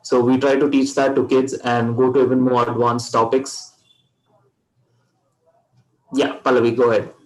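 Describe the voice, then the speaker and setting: Halting Indian-accented man presenting. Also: mid-range voice, level tone, rough recording. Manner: halting, searching for words. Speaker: company presenter. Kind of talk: slide presentation.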